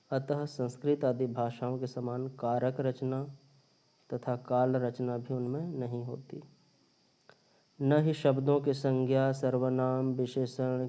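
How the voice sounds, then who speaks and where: Here a man with a warm, medium-pitched voice gives a recorded grammar lesson. He breaks things down step by step and repeats key points, and the linguistics lecture was recorded with a phone or screen recorder.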